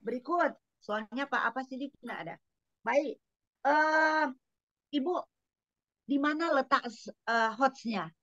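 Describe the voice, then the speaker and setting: Bright high-voiced woman lecturer giving feedback. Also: takes it slowly, pauses often, no room sound, dull audio. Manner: instructive, questioning, acts out classroom examples. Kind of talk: spoken feedback to a trainee teacher.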